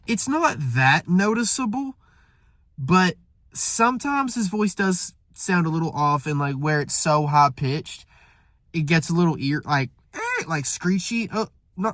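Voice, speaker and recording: A man's voice: fairly high pitch, fairly bright tone, no echo, clean studio sound. A man with a congested, stuffy voice giving a casual spoken album review, rambling and often correcting himself mid-sentence. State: congested, nasal from a coming cold. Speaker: music reviewer.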